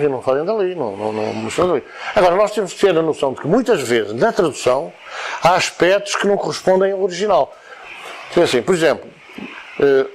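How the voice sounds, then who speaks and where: A man with a European Portuguese accent gives an informal talk to a study group. His voice sits a little high and swings widely in pitch as he explains. He drifts between points, repeats words and reaches for examples, with a faint hiss behind him. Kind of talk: informal spoken lecture.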